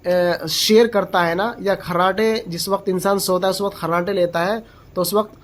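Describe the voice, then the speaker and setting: A Quran reading teacher giving a slow, step-by-step pronunciation lesson, explaining where each letter is formed and repeating its sound aloud. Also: medium pitch, fairly even intonation. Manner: patient, explains slowly and models each letter sound aloud several times; asks the learner short checking questions.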